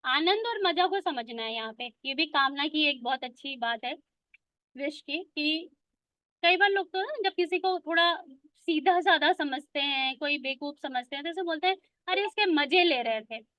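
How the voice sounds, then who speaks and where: A woman's voice: sits high, expressive, normal speed, bright, forceful tone, dry recording. A woman giving a conversational spiritual talk, explaining ideas patiently and mixing English words into her speech. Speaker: spiritual speaker.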